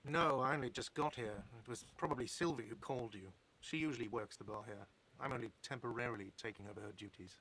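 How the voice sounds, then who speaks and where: A man's voice: medium pitch, fast, few pauses, bright, forceful tone. A man voicing a grumpy, sarcastic male cafeteria manager in a video game, nagging about money owed. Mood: defensive.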